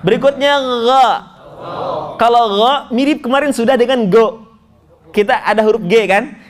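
High-voiced jokey Quran teacher, a man. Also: steady tone. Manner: jokey, coaxing, models sounds slowly. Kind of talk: Quran pronunciation lesson.

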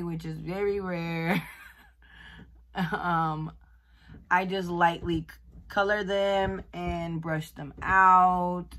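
A woman in her 20s films a get-ready-with-me beauty vlog in a small indoor bedroom, chatting casually and switching between Spanish and English. Her voice is on the low side, bright and forceful.

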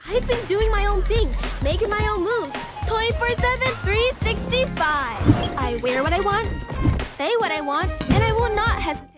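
A sassy, self-assured cartoon schoolgirl, very high in pitch. Loud music runs behind. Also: animated, normal speed. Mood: confident, sassy. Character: confident sassy thirteen-year-old schoolgirl. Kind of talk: animated film dialogue. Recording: film clip under loud music.

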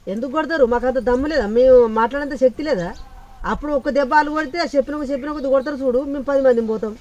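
A woman's voice: high-pitched, rapid-fire, a little mellow, dull audio. An older woman, lecturing and scolding as a grandmother in a family skit.

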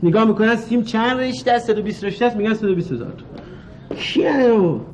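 Stubborn, grumbling high-voiced young man. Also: lively intonation, a little mellow. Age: young adult. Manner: grumbling, stubborn, mutters to himself. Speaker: student roommate. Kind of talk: TV comedy drama acting.

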